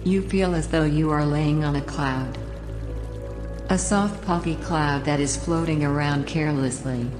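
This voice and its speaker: A woman narrating a guided relaxation in a slow, lulling, soothing manner, like a sleep story narrator. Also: low-pitched, roomy sound, long reverb tail, over music. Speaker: hypnosis audio narrator and trainer.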